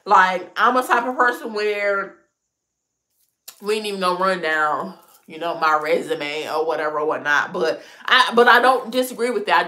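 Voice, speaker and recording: A woman in her thirties, a lifestyle vlogger, chats casually with viewers by answering their comments, discussing dating frankly and laughing often despite a stuffy cold. Her voice is medium in pitch and sharp in tone.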